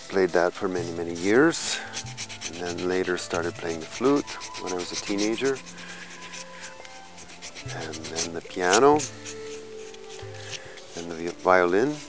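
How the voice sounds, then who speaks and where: Low-voiced, thoughtful man in his fifties. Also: poor audio. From California, USA. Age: 50s. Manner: slow, thoughtful, with pauses and small restarts. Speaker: musician telling his life story. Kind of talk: reflective documentary interview.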